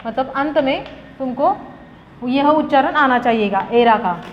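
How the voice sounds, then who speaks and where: A woman teaches a grammar lesson with a high voice. She works slowly through the material and repeats each example word as she explains it. The recording sounds dull and muffled, with a long reverb trailing after her words. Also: expressive, slight background noise. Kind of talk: classroom lesson.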